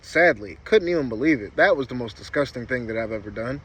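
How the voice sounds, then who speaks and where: A man tells stories to camera in a laid-back, meandering vlog, his words slightly muffled by the chewing tobacco packed in his lip. His medium-pitched voice is animated and a bit bright, and he talks fast. Vehicle sounds are clearly audible in the background.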